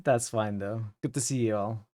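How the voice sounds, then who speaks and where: A man's voice: fairly low pitch, steady tone, moderate pace, darkish tone. A man chatting casually on a live game stream in a friendly way. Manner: friendly, thanking viewers.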